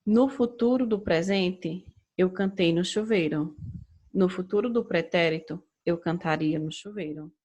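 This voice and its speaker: This young adult woman has a Brazilian Portuguese accent and teaches a recorded grammar lesson, explaining in a measured way and checking in with her students again and again. Her voice sits fairly low with a darkish tone.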